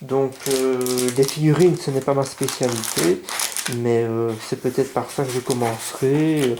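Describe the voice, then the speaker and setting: A man's voice: mid-range voice, unhurried, background noise. A man casually showing a scale model kit to his viewers, hesitant with many fillers, stumbling over English words. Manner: relaxed, hesitant with frequent "euh" fillers; mispronounces English paint names. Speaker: scale model hobbyist vlogger. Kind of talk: casual unboxing commentary.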